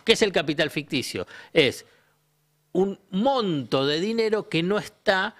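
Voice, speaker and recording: A man with an Argentine accent explains economics on a talk show in a patient, teacher-like way, asking himself questions and then answering them. His voice sits slightly high for a man and rises and falls in a very lively way. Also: a little slow. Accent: Argentine Spanish. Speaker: economist guest.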